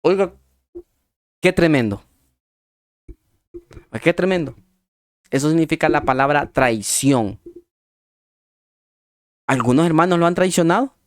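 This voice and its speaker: A pastor delivers a sermon in a fairly high, smooth voice, with dry close sound and no room echo. He hammers his points through repetition, slows down to spell out the meanings of words, and slips folksy asides to his listeners. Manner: emphatic, repetitive preaching with slow spelled-out definitions.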